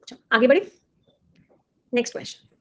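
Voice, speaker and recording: A woman's voice: brisk, darkish tone. A woman teaching vocabulary for exams, explaining in Hindi with terms and constantly quizzing her students. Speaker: English teacher for exam prep. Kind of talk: classroom lesson.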